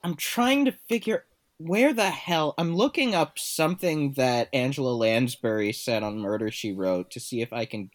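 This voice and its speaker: A man's voice: mid-range voice, expressive, moderate pace. A man from Massachusetts, a podcast guest in casual chat over a remote call, wry and swearing freely.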